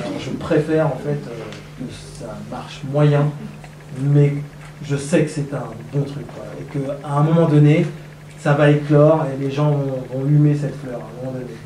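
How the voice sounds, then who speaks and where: A man's voice: medium pitch, a little slow, dark tone. Rambling man in an echoey hall. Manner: rambling, hesitant with many fillers, self-mocking. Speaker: guest filmmaker at a film club Q&A. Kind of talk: casual onstage Q&A talk. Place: cinema hall at a live screening event. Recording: echoey hall, distant mic, audience noise.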